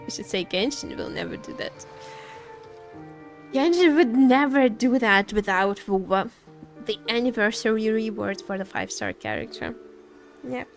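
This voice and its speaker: A woman chats through a game livestream, casual and expressive, frequently repeating what she's said. She sounds fairly high and very animated at a normal speed, over soft background music.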